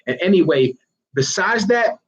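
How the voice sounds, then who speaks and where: A man's voice: high-pitched, unhurried. A man giving a casual, rambling motivational talk as an online fitness marketer, often asking "you know what I mean?". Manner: animated, breaks into laughs. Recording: dull lo-fi recording.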